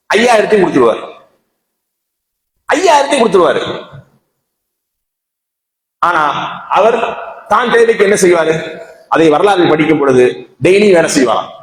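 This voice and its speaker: Animated preacher with a Tamil Nadu accent. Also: male voice, sits high. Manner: repetitive storytelling, rising to emphatic peaks. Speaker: mosque preacher. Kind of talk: Friday sermon. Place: mosque. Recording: echoey mosque hall.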